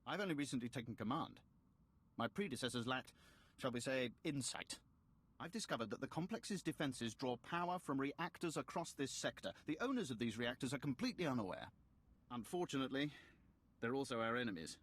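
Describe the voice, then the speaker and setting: Shrewd imperial military general, medium-pitched, measured, self-assured, scripted game dialogue. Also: male voice, expressive, fairly bright tone, husky. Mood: confident, explanatory. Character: formal, shrewd military general of an evil empire.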